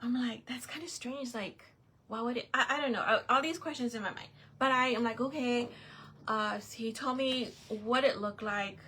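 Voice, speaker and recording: A woman's voice: fairly high pitch, steady tone, moderate pace, pushed and bright. A middle-aged woman telling a rambling story in a casual, chatty way, full of fillers and restarts. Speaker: vlogger.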